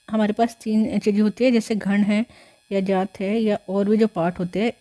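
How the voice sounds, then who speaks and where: This is a woman teaching history in a medium, dark-toned voice. Her lecture explains things one step at a time, full of fillers and self-corrections, with English words mixed in.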